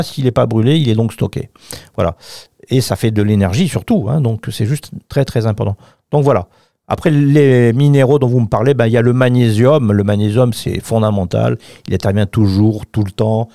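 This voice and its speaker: A man explaining health matters on the radio with plenty of emphasis. His voice is gravelly and mellow, and the studio sound is close and dry. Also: mid-range voice, no echo. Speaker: doctor guest.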